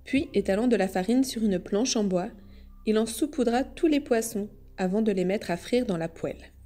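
A woman reading a classic children's story aloud in measured storyteller narration. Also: medium pitch, mellow, soft background music. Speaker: audiobook reader. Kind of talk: scripted narration.

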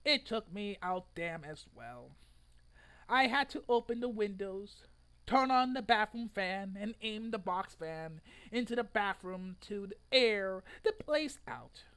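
An online video creator, a man in his twenties, reads a written post aloud at home in an exaggerated, theatrical way, breaking into sudden loud outbursts. His voice is high-pitched and smooth.

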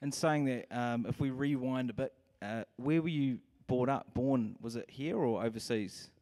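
Upbeat male host with a mellow voice. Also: mid-range voice, normal speed. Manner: upbeat presenter, stumbles on fillers. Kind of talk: on-stage interview. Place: large hall with stage and audience. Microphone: handheld mic.

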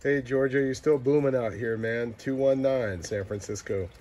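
A man's voice: mid-range voice, steady tone, normal speed. A man making repeated, clipped CB radio calls, sounding like mistuned single-sideband ham radio. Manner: clipped call signs and place names. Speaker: CB radio operator. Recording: very noisy CB radio with static.

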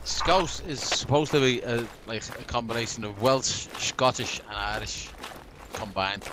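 A man's voice: mid-range voice, unhurried, noisy background. A drunk man bantering and swearing with his squad over game voice chat. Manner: sweary, argumentative. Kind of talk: casual banter.

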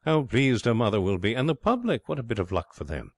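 Reading comic fiction aloud, a man plays a young schemer who is breezy, smug, florid and coaxing, full of cheerful pomposity and grand enthusiasm. His mid-range voice is pushed up, very animated and fast, with no echo.

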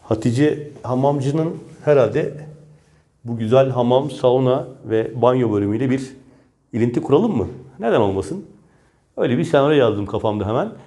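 A man's voice: medium pitch, moderate pace. A man presenting a hotel room on a walking tour, his voice echoing in a stone bath carved into rock. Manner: lively, enthusiastic presenter. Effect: echo of a cave bath carved in rock.

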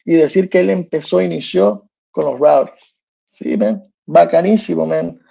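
Speaking a little slow in a slightly high, creaky, warm, slightly rough voice, a New Jersey man in his thirties runs a chatty solo sports podcast full of English slang. He records in a small indoor room, and the audio is dull.

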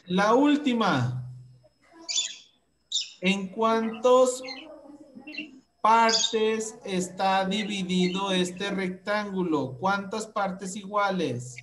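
A woman's voice: medium pitch, very slow, long pauses, a little hiss or hum. A Mexican woman teaching a math lesson to young children, asking questions patiently.

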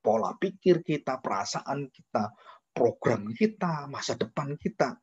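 A male pastor preaching a sermon in an animated way, asking rhetorical questions and swinging from quiet remarks to high emphatic calls. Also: unhurried, breathy edge, lo-fi sound.

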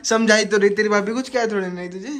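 A man's voice: high-pitched, steady tone, quick pace, fairly bright tone. A man vlogging at home, casually teasing and needling his sister during a family prank. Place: home room.

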